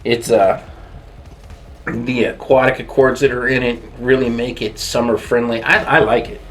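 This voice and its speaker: A man's voice: mid-range voice, steady tone, moderate pace, a little hiss or hum. A man co-hosting a fragrance review, giving his opinions in a casual, conversational way.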